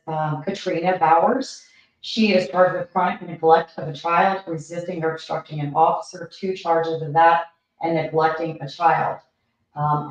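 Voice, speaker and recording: Low-pitched woman chatting on a livestream, hollow tube sound, echoey and far off from the mic, dull. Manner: chatty, lots of fillers. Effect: hollow, as if talking through a tube. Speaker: livestream host. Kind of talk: casual livestream commentary.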